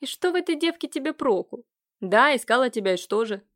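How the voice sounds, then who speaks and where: A woman reading an audiobook, voicing an agitated older nobleman who scolds and nags his nephew with a hoarse, rising voice. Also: high-pitched, animated, fairly quick, pitched above the performer's own voice. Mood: jealous, scornful. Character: agitated older nobleman uncle, jealous and nagging.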